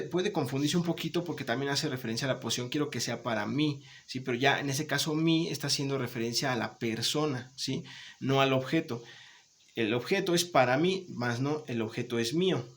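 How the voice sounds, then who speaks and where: A man's voice: mid-range voice, fairly quick. A male teacher giving a remote class, explaining patiently, repeating points, checking in often and encouraging his students. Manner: warm, encouraging toward students.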